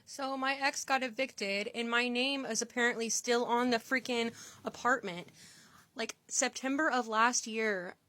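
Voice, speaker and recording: Woman, exasperated, rambling, slightly high voice, dry sound. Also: measured pace, sharp tone, no room sound. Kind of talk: casual vlog confession.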